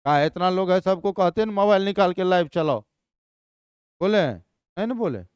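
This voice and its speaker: A man teaching chemistry in a live class, energetic and constantly quizzing his students. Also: high-pitched, normal speed, clean tone, no room sound, studio quality.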